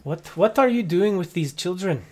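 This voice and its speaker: A man's voice: high voice, lively intonation, normal speed, a little mellow, pitched above the performer's own voice. A man voicing an earnest town gate guard with stiff, formal phrasing in a tabletop fantasy game. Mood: suspicious. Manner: formal phrasing without contractions, short urgent sentences.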